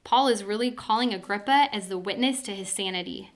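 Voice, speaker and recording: A woman teaching a women's Bible study, telling the passage with earnest, expressive storytelling and dramatic pauses. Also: medium pitch.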